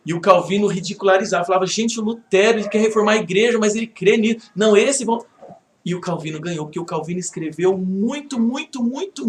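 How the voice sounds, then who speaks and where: High-voiced pastor in an echoey hall. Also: male voice. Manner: conversational, animated, rhetorical check-ins. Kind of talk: Bible study teaching to a live group. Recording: echoey room, faint background noise.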